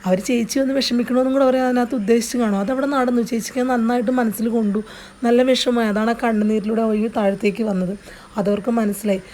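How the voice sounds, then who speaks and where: Earnest woman with a warm, mellow voice. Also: fairly high pitch, a little hiss or hum. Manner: earnest, consoling, repetitive with many restarts. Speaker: vlogger. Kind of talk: direct-to-camera advice monologue.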